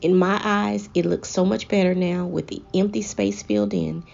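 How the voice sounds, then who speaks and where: A woman narrates a home makeover as a scripted voice-over, with measured, deliberate phrasing. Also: mid-range voice, fairly even intonation, gravelly, darkish tone, dull audio. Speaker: home decor vlogger presenting a makeover. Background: background music.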